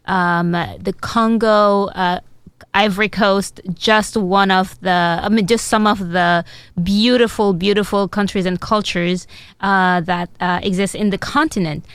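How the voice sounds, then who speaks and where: A woman from Senegal, a food and product developer, answering interview questions with many pauses and fillers. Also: mid-range voice, fairly even intonation, a bit bright, clear, resonant tone, dry recording. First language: French.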